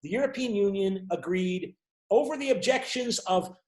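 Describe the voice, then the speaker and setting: In an echoey room, a university lecturer talks at normal speed in a high-pitched voice. He explains at length to his online class over a video call, often pausing to check in with students.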